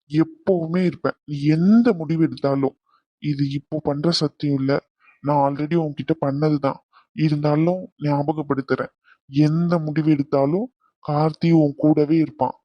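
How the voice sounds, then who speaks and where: A man voicing a doting young groom in a cartoon, soothing and coaxing his bride in a soft, teasing way. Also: a little high, dry recording, highs cut off, lightly acted. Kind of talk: cartoon voice acting.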